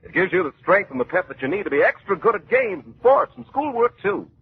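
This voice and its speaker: A man announcing in vintage radio style, a folksy, enthusiastic pitchman and dramatic story narrator. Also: very animated, a little fast, slightly rough. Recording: muffled old radio recording.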